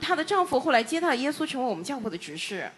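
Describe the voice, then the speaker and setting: Slow, high-voiced female sermon interpreter. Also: very animated, a bit bright, slightly rough. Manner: measured, unhurried delivery. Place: church sanctuary.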